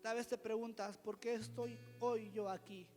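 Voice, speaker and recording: A man's voice: sits high, little pitch movement, moderate pace, warm tone, in a large hall, faint music behind. A man, from the church's pastoral team, giving an emphatic testimony sermon. He keeps returning to one refrain and asks his listeners rhetorical questions. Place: church hall.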